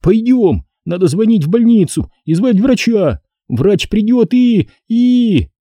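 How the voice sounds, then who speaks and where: Guy reading as a worked-up kid, voice pushed up a bit, husky and dark, really dry sound. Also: high voice, lively intonation, slow pace, dry recording, voice pushed up, exaggerated voice. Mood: alarmed. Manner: flustered, indignant. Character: jumpy, easily scared young boy.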